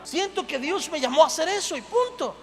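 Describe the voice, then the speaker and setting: A pastor preaching a sermon in a church hall with a Mexican Spanish accent, moving from quiet, intimate talk to loud shouting. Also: male voice, very high voice, expressive, a little fast. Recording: long church reverb with music underneath.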